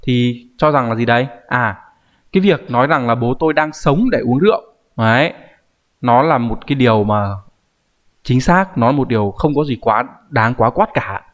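A male language teacher walks the viewer through a grammar point. His delivery is patient and explanatory, and he keeps pausing to check that the listener is following. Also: mid-range voice, lively intonation. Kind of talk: online grammar lesson.

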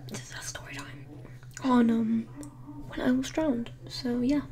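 A woman's voice: high voice, warm tone. Young woman vlogger, casual rambling storyteller, swears freely, slips into whispers at home. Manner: rambling and profane, with many fillers. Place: home room with someone asleep nearby.

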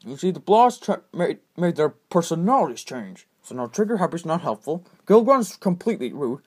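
Brief: toy video performer, husky, halting explainer. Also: mid-range voice, big pitch swings, darkish tone. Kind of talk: home-made toy story voicing.

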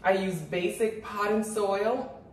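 A woman's voice: medium pitch, slow. Woman, casual vlog chat, friendly talk to viewers, noisy background. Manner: chatty, addresses viewers as guys. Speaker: cooking and gardening vlogger. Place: outdoor high-rise patio, then home kitchen. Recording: echoey, mic at a distance, noisy.

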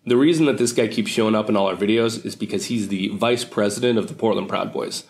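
A young man with a lowish voice, talking to the camera from a couch in a loose, wry way. Plain indoor talk without any fuss. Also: fast, darkish tone. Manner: casual, wry. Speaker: host. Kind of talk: to-camera commentary.

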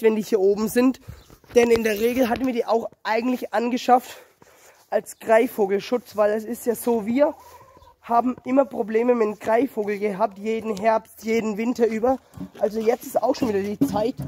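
A young man running a small-animal farm vlog records an easygoing outdoor tour of his farmyard on his phone, held in hand, his voice slightly hoarse from a cold. Talking straight to viewers, he rambles and fixes his own words as he goes. His pitch is very high, the tone steady and mellow, at a normal speed.

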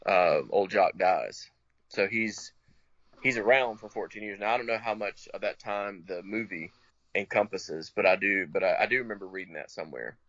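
A man's voice: deep voice, moderate pace, fairly bright tone, dry recording, dull audio. A man from Alabama, chatting casually as a podcast co-host, easygoing and agreeable, often restarting his sentences. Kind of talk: casual chat.

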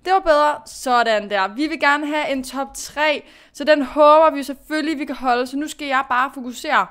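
A woman's voice: high-pitched, fairly bright tone. A young woman giving casual commentary while she plays a horse racing game, talking to herself, scolding and cheering herself on. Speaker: gaming youtuber.

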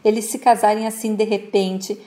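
A woman's voice: mid-range voice, level tone, normal speed, mellow, close to an everyday voice. Woman voicing a frank, outspoken young woman. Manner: blunt, exclaiming.

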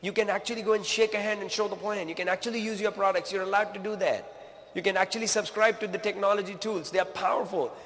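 A man giving a motivational business talk on stage, energetic and repetitive, calling the crowd "gang", in a large hall. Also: sits high, fast, few pauses.

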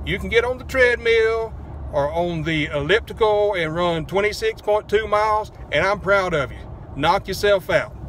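A man's voice: high voice, moderate pace, fairly bright tone, a little hiss or hum. A man, vlogging from a parked car in a rambling, joking, self-deprecating way on a phone held close. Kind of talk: casual car vlog.

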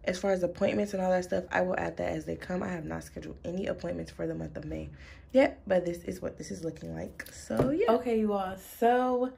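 A woman's voice: lowish voice, steady tone, a little fast, vocal fry, mellow. A 19-year-old woman from Michigan talking casually to her viewers as she vlogs at home, calling them y'all. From Michigan, USA. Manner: chatty, addresses viewers as y'all. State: out of breath. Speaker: vlogger. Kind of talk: casual vlog talk. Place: home, indoors.

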